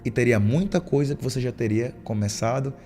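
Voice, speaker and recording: A man's voice: mid-range voice, brisk, mellow, faint music behind. A man preaching a sermon as a pastor, telling stories and acting out the lines of church members. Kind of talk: sermon with storytelling.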